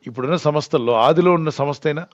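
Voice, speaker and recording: A man's voice: fairly high pitch, fast talker, no room sound, lo-fi sound. A man speaking as a pastor in a Bible question-and-answer talk, earnest and often putting questions to the listener before answering them. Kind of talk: Bible Q&A teaching.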